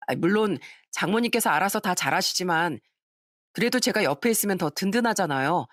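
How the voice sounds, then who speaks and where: A woman's voice: mid-range voice, no echo, lightly acted. A woman reading the part of a dutiful young husband in a narrated family story, speaking politely and earnestly. The voice stays close to her own, with a dry, close sound. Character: young married husband, attentive and reassuring.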